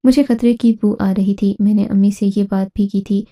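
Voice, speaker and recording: Dark, flat-voiced woman storyteller. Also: medium pitch. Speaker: narrator. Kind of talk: scripted first-person story narration.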